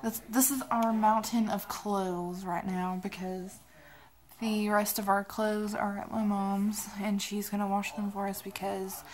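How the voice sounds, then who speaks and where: A woman's voice: medium pitch, a little mellow. A woman in her twenties rambling casually to camera in a vlog, sounding sick, tired and drowsy. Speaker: vlogger. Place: small cluttered bedroom, indoors.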